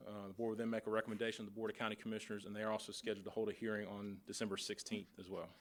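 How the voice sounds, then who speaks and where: A man's voice: fairly low pitch, very fast. A man from county planning staff presenting a formal report at a public board meeting. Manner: steady, procedural, reads from a report.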